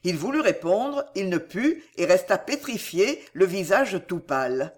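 A narrator reading a classic novel aloud with expressive delivery. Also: mid-range voice, a little slow.

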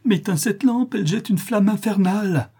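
A man voicing a delirious, tormented notary who cries out in shrill frenzy. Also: normal speed, mellow, slightly rough. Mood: screaming. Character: delirious raving male notary, tormented and feverish. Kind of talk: audiobook character reading.

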